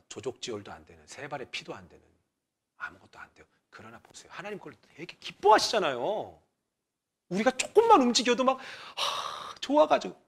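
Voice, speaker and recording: Lively high-voiced Korean pastor preaching. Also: male voice, slightly rough. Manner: conversational preaching, swings from loud exhortation to near whisper. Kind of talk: sermon.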